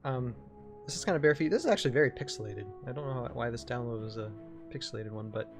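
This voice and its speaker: A man's voice: medium pitch, fast talker, over music. A man hosting a casual live-stream chat, chatty and leading the segments. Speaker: podcast host.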